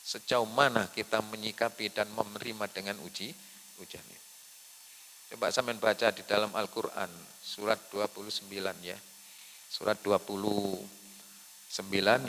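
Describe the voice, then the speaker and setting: A man with a Javanese accent preaching a sermon in a mosque, building to loud emphatic lists and then dropping soft. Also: lowish voice. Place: mosque hall. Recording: echoey hall with faint hiss.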